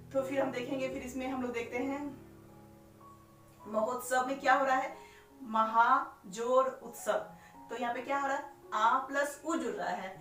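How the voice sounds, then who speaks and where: A woman whose voice sits high and sounds fairly bright explains grammar like a classroom teacher, going step by step, repeating each one and asking herself rhetorical questions while stretching out sounds she spells. The mic is distant in an echoey room, and faint music plays.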